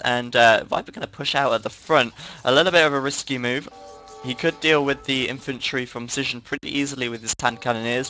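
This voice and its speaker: A man's voice: mid-range voice, bright, forceful tone, poor audio. Tired man calling a game. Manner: brisk play-by-play with frequent fillers. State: tired, yawning. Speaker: game commentator. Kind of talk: live strategy game commentary.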